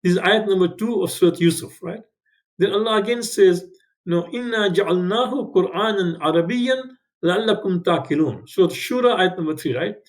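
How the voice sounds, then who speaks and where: He's a man from Tanzania who isn't a native English speaker, teaching an online class from his home in Canada. His voice is high and his pace quick, and he keeps it conversational, often checking in with "right?" and correcting himself as he goes.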